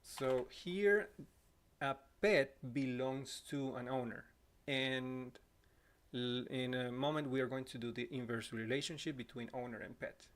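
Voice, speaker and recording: Typing as he goes, a Costa Rican livestream coding teacher in his thirties explains live code with a Spanish accent, apologetic and self-correcting. He sounds unhurried and a bit bright, his throat a touch scratchy, speaking into an arm-mounted boom mic in a small room at home.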